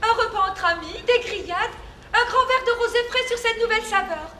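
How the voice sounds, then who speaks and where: A woman playing a very high-voiced young woman. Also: a little fast, bright, forceful tone, slight background noise. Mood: dreamy. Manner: lyrical, dreamy reverie. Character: young woman who lost her sense of taste. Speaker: stage actor. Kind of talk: live stage play. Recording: echoey stage recording.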